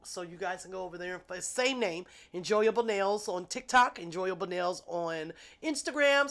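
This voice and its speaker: Her voice is on the high side and a bit bright. She's a nail artist vlogger, stuffy and sniffling from illness, casually chatting with "y'all" viewers while unboxing nail gel at her home desk indoors, and she's clearly entertained by herself.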